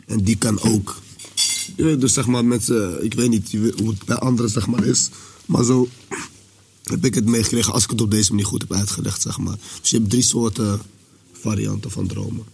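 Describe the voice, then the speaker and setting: A young male guest at a casual dinner chat, rambling in a relaxed way with lots of slang. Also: on the low side, brisk, vocal fry, husky.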